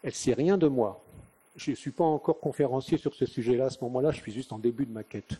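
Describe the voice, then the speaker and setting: He's a fast talker with a mid-range, dark voice and a breathy edge: an older man from northern France lecturing live at a conference. His style is conversational storytelling punctuated by rhetorical questions.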